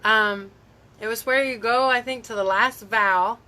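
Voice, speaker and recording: Speaking at a normal speed with a steady tone, this Tennessee woman's fairly high, pushed, bright voice carries her casual phone live stream from home. As a beauty vlogger, she rambles and responds to comments from viewers.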